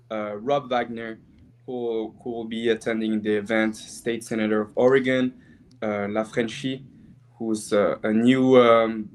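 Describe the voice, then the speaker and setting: Halting man reading sponsor thanks. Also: fairly low pitch. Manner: halting, heavy with fillers, reads out thank-yous. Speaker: school representative and co-host. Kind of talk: live-streamed fundraiser chat.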